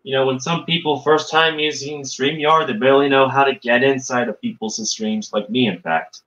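A man's voice: mid-range voice, steady tone, moderate pace, a bit bright, muffled recording. A young man co-hosting a livestream, chatting in an eager, rambling way. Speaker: livestream co-host. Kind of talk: casual livestream chat.

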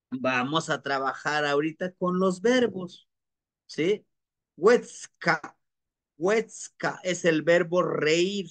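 A man's voice: sits high, no echo. A man teaching a class, patient and repetitive, often checking in with his listeners. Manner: patient, repeats words and checks in with "¿no?". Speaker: language teacher. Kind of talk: online class lecture.

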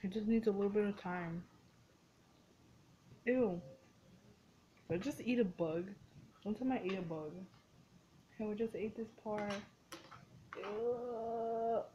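A young woman from a Mexican family chatting casually while cooking, full of "like" and "dude" and quick to say "ew". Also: mid-range voice, dark tone, dull audio, slight background noise. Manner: chatty and easily grossed out, lots of "like" and "dude". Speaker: vlogger. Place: dim home kitchen.

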